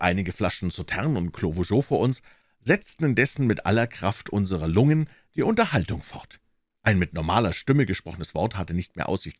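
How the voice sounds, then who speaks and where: A man, the host of the channel, reading a classic story aloud in an expressive, theatrical manner. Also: deep voice, dry recording, clean studio sound. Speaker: audiobook reader.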